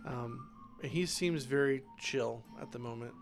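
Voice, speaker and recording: A man's voice: medium pitch, unhurried, over music. A man playing a tabletop game, casually describing what his character is doing. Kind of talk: casual improvised game chat.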